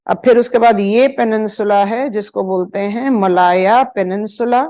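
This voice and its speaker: High-voiced Indian woman teaching slowly. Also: a little mellow, rough recording. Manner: mixes Hindi and English, drawing while explaining, stretches key names slowly. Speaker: geography teacher. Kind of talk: live online map lesson.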